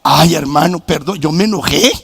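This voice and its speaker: A middle-aged male pastor preaches from the pulpit, telling his own story through quoted dialogue. His voice is gravelly and sits a little high, climbing into bursts of shouting. The sound is close and dry. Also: animated, normal speed, no echo. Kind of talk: sermon. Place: church sanctuary.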